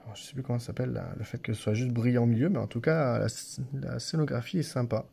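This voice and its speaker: A man's voice: medium pitch, fairly even intonation, fast talker, vocal fry, warm tone, slight background noise. A man casually talking viewers through opening card packs, hesitant and repeating his words, with a slight stammer and an accent. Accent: non-standard French accent. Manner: chatty, often addresses viewers directly. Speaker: card-opening channel host. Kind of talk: casual unboxing commentary. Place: office.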